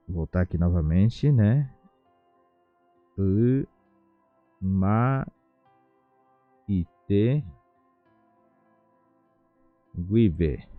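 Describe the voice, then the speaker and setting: A man with a low voice leads an online language lesson from his home, repeating words slowly and splitting them into syllables. The recording is dull and lo-fi, dry and close to the mic. Faint music sits in the background. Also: dry recording. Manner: slow, syllable-by-syllable pronunciation drills. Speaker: language teacher. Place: home without a studio.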